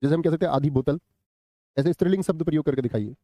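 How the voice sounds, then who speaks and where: Hindi tutor quizzing a live class. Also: male voice, on the high side, racing, mellow, no echo. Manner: quizzes students, answers his own questions; reads and answers live chat comments. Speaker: teacher.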